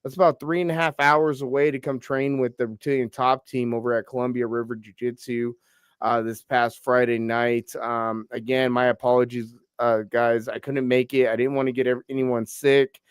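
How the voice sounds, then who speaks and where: With a medium-pitched voice, little pitch movement and a normal pace, this young man sounds clean in a dry, studio-quality recording. He hosts a casual combat-sports podcast and leads a relaxed interview chat, dropping lots of fillers and "bro" despite being slightly stuffed up from a cold. He's from the Pacific Northwest of the US.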